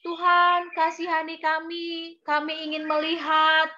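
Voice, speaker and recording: A woman's voice: extremely high pitch, monotone, a little slow, pushed and bright, muffled recording, pitched above the performer's own voice, full character voice. A woman voicing two pleading blind men in a children's storybook telling, plaintive and calling out.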